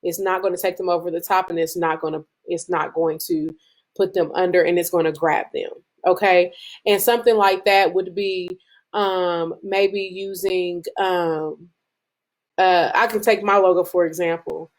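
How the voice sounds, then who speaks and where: Chatty woman teaching with many fillers. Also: lowish voice. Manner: conversational, rambling, with frequent fillers and restarts; speeds up and slows down as she gets excited. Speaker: business branding presenter. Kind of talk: casual teaching talk to a group.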